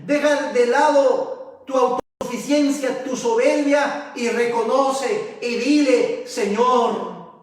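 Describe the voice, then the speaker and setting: Male pastor, very high voice, exhorting sermon cadence with repeated phrases, recorded far off in a booming echo. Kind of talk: sermon and closing prayer. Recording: very echoey, voice far from the mic.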